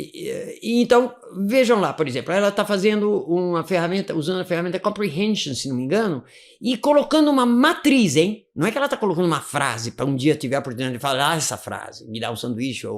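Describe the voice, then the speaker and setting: A Brazilian man leads an English lesson in an animated, chatty way. He laughs often, and his pitch swings widely as he talks. He drills short phrases aloud. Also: a little fast, gravelly. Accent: Brazilian Portuguese. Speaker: English teacher. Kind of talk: teaching chat over a student video.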